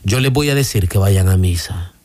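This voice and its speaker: A man's voice: moderate pace, no room sound. A man voicing a sly, patient male demon who tempts people to put things off. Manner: calm, sly and low.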